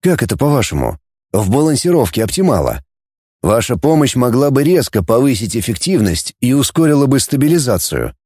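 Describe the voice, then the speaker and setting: A man playing a scheming, commanding male supreme coordinator who lays out a plan in a brisk, businesslike way. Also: medium pitch, sing-song, mellow, dry recording, studio quality.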